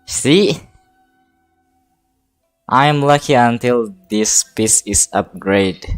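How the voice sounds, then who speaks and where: A game livestreamer with a medium-pitched voice draws out words while chatting casually and hesitantly, muttering to themselves on a live stream. The tone is clean with no echo, and game music plays behind the voice.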